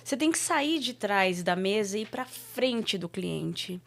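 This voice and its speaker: A woman's voice: medium pitch, animated, a little slow, creaky. A woman hosting a casual interview, asking friendly, encouraging questions with frequent tag questions. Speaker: host.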